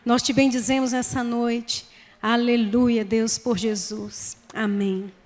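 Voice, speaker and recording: Holding a microphone, a woman pastor with a Brazilian Portuguese accent reads scripture and prays in a slow, emphatic sermon. Her fairly high voice has a level, darkish tone, and the church sanctuary adds a long, lingering reverb.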